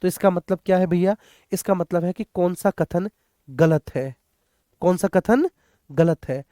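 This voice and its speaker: This man's voice is high and dark-toned, and he takes his time, recorded in studio quality without room sound. In a Q&A-style exam prep lesson, he speaks directly to students with check-in phrases, repeats key points to instruct, and uses English terms along the way.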